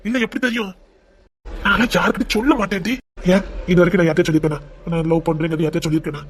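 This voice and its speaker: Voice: medium pitch, steady tone, racing, a little hiss or hum, natural voice. An actor voicing a young village man, coaxing and reassuring his girlfriend. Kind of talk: amateur village drama.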